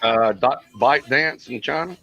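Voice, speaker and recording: A man's voice: mid-range voice, normal speed, gravelly, highs cut off, over music. A man, co-hosting a casual podcast chat, blunt and rambling with frequent restarts. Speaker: podcast co-host.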